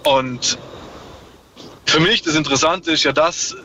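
Male caller on a car speakerphone, slightly higher voice, bright, musing and hesitant, muffled line with faint noise. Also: measured pace. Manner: musing, philosophical, hesitant with many fillers. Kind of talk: call-in radio chat. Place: in a moving car.

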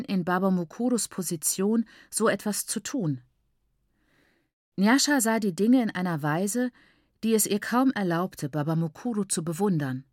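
A woman reading a first-person novel aloud in a calm, even narration. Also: mid-range voice, no room sound. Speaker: audiobook narrator. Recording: dry close studio recording.

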